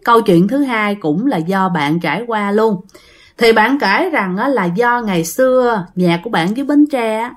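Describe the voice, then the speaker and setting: Southern Vietnamese woman, channel host, relaxed chatty storytelling, lots of fillers, talks to listeners directly, mid-pitched. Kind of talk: casual spoken storytelling.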